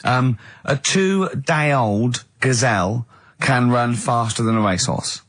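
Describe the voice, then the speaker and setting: Husky guy hosting radio banter, dry studio sound, tells stories and cracks up laughing. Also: medium pitch, takes it slowly, a bit bright, no echo. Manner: storytelling, mocking, bursts into laughter. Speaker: radio host.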